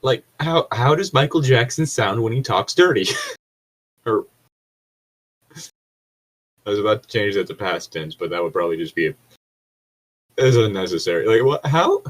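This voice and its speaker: Reading stories aloud as co-host of an informal read-along, this man keeps breaking off for jokey tangents and laughs at his own lines. He sits on the low side with lively intonation, speaking at a moderate pace and pausing often.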